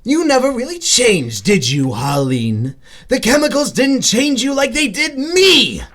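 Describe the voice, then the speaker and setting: A man's voice: very high-pitched, big pitch swings, a little slow, a bit bright, exaggerated voice. An actor playing a gleefully sadistic, theatrical clown supervillain in a radio drama, taunting as he speaks. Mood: mock-wounded. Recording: music behind the voice.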